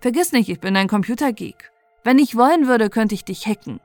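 A woman's voice: a little high, animated, fairly quick, darkish tone, dry recording, soft background music, close to an everyday voice. A woman reading out the chat lines of a crude, threatening teenage boy, in a blunt, bullying way.

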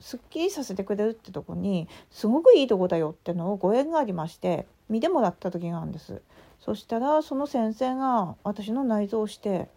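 A woman podcast host with a Tsugaru dialect, telling a story in a casual, animated way with many asides. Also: fairly high pitch. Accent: Tsugaru dialect of Japanese. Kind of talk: casual solo audio chat.

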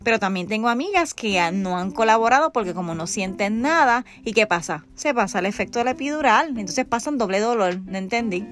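A woman's voice: mid-range voice, lively intonation, a little fast, few pauses, a bit bright. Chatty Puerto Rican woman podcaster. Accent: Puerto Rican Spanish. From Puerto Rico. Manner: chatty, candid, addresses listener directly. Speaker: podcast host. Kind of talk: casual podcast chat.

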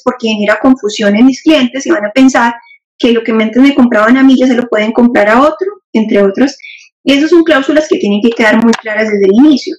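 A woman with a somewhat high voice walks through legal points step by step, checking in with rhetorical questions. The recording is dull and muffled. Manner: measured, explains with examples and rhetorical questions. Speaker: legal guest expert. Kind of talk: explanatory interview talk.

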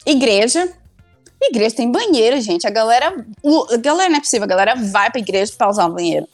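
Animated young woman telling a story. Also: on the high side, fast talker, dry recording, faint music behind. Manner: animated, acts out her own past lines. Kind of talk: casual comic storytelling.

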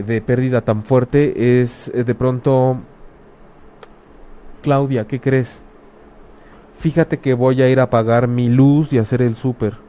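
A man's voice: medium pitch, darkish tone, a little hiss or hum. A man with a Mexican Spanish accent, talking casually and frankly as a host, using slang and acting out quoted remarks. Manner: frank, blunt, uses slang, acts out quoted speech. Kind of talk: casual conversational advice talk.

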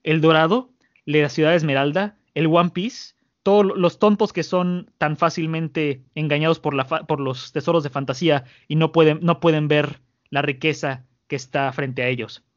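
A man's voice: fairly high pitch, fairly even intonation, moderate pace, natural voice. A man doing a sneering pirate captain. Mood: mocking. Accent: Mexican. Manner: sneering, long-winded and scornful. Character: smug mocking male pirate captain. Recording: muffled lo-fi audio.

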